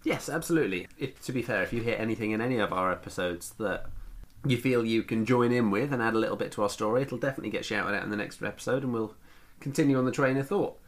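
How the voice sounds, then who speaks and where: A man's voice: on the low side, quick pace. A British man co-hosting a podcast, chatting and telling anecdotes in a teasing, wry way. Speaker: podcast co-host. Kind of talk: casual banter and anecdotes.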